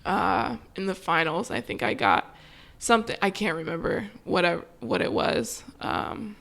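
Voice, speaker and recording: A young woman in her twenties, a guest on a podcast, chatting casually and calmly with lots of "like" fillers. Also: lowish voice, unhurried, vocal fry. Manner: relaxed, calm, with frequent "like" fillers. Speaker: guest, professional volleyball player.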